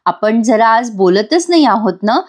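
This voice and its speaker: A woman reading a shy, flattering young groom. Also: fairly high pitch, a little slow.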